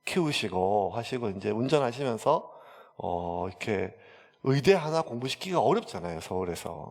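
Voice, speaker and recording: A man's voice: mid-range voice, vocal fry. A male pastor, chattily telling a story in a sermon, full of fillers. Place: church sanctuary. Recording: long church hall reverb.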